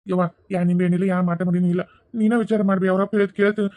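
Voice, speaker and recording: A man's voice: sits high, level tone, racing, darkish tone, no echo, lightly acted. A man voicing a helpless, pleading young husband in a cartoon, with a North Karnataka Kannada accent. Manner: pleading, whining.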